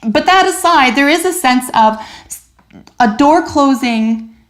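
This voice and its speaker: Tarot reader, woman, slightly high voice, excited and chatty, lots of ums and restarts. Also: slow pace. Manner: animated, enthusiastic, many fillers and restarts. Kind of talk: general tarot reading to camera.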